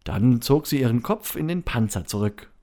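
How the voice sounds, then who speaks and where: A storyteller reading a children's story aloud with slow, expressive narration. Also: medium pitch.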